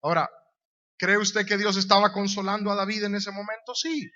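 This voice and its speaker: Honduran guy preaching, high voice, repeats stuff, asks the crowd questions, kinda muffled recording. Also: flat delivery, brisk, sharp tone. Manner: emphatic, repeats key phrases, rhetorical questions. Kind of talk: sermon. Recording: dull lo-fi recording.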